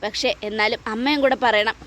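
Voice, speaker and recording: A woman reading out a distraught young pregnant woman from a TV serial retelling, pleading insistently. The voice sits high and climbs higher in her demands. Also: fairly even intonation, fairly quick, fairly bright tone, natural voice.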